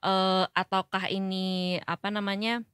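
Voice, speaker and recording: A woman's voice: mid-range voice, flat delivery, unhurried, fairly bright tone, clean tone, dry recording. A woman reporter summarizing political news, thinking aloud with hesitations and tag questions. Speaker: guest reporter.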